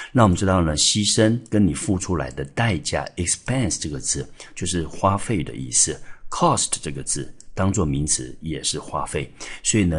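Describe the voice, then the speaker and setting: Male teacher from Taiwan, deep gravelly-husky voice, steady explainer who spells out words. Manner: explains step by step, spells out letters, many filler particles. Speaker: English teacher. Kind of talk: exam-prep vocabulary lesson. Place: school classroom or studio.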